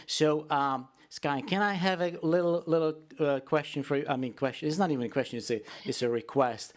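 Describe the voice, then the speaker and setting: A man hosting a radio interview over a video call, talking in a halting way with many restarts and a slight American accent. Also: on the high side. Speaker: radio host. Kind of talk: casual interview.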